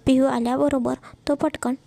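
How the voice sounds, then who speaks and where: Woman storyteller for a romance serial, steady delivery, high and gravelly, mellow, dry sound. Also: moderate pace, dry recording.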